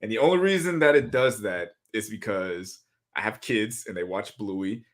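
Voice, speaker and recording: A man's voice: lowish voice, moderate pace. A man appearing as a guest on a casual sports podcast, talking in a laid-back, rambling, self-conscious way.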